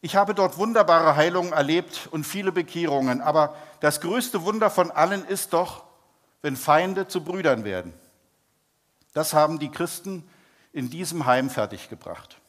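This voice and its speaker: A man preaching and telling a testimony story, speaking in a measured way and slowing down for emphasis. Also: a little high, lively intonation, a bit bright. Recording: long reverb, hall.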